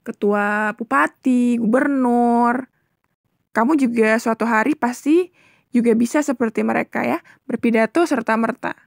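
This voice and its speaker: A woman's voice: on the high side, creaky, dry recording, studio quality. A young woman teacher explaining a lesson to children in a chatty, patient way, asking questions and answering them herself. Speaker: primary school teacher.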